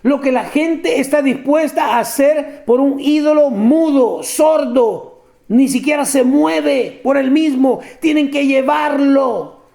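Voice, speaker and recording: A man preaching a lively sermon, talking straight to his listeners and laughing often. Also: very high voice, slow, creaky. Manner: animated, addresses listeners directly, laughs often.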